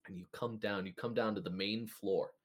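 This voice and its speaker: Halting young male game master. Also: lowish voice, fairly even intonation, breathy edge. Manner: casual, halting, many restarts. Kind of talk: narrating a tabletop game.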